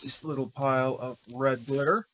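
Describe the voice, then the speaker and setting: A man co-hosting a crafting channel chats casually in a mid-range voice at a normal speed while unboxing items in a craft room. Relaxed, he names colors as he sorts scraps, and a camera across the room picks up his voice.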